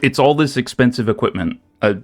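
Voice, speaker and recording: With a medium-pitched voice and a fairly quick pace, a young man rambles casually while streaming a game. His chat is full of fillers and restarts, and game music is faintly audible.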